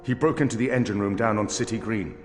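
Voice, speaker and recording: An actor playing a stern, proud general in a video game, speaking in a grave, formal, commanding way. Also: male voice, fairly low pitch, fast talker, lightly acted. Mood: grave, troubled. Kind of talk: dramatic video game acting. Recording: reverberant hall with music.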